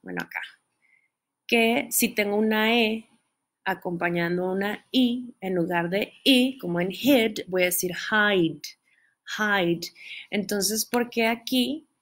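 A woman's voice: mid-range voice, a little slow. Woman teaching pronunciation. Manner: explanatory, checks in with listeners often. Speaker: English teacher. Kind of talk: online pronunciation lesson.

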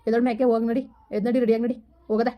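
A woman's voice: a little high, level tone, very fast, mellow, natural voice. A woman playing a forgiving village husband who coaxes and reassures his wife, speaking. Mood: consoling. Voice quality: coaxing, reassuring. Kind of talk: village family drama acting.

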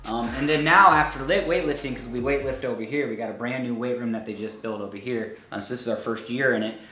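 A man's voice: medium pitch, bright, forceful tone. A man, a college wrestling coach, giving a casual tour of his facility and filling his talk with "you know" and "um". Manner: rambling, fills every pause with "you know" and "um".

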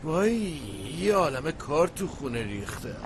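A man's voice: on the high side, big pitch swings. A man dubbing a boastful, grumbling middle-aged father in a TV drama, with street noise behind. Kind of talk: dubbed TV drama.

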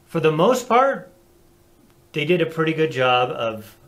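A man co-hosting a casual talk show, animated and chatty, laughing easily. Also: fairly high pitch, a little slow. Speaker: co-host. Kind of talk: casual chat.

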